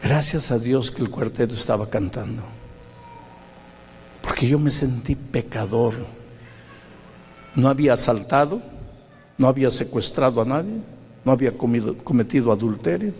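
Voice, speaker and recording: A male pastor from Peru preaching a sermon, telling a story and acting out voices with sudden high outbursts. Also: normal speed, pauses often, darkish tone. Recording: long hall reverb.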